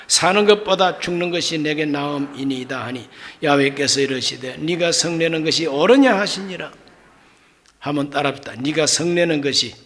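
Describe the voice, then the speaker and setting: A middle-aged male pastor preaching a sermon, acting out dialogue with loud exclamations and quiet asides. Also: a little high, slight background noise.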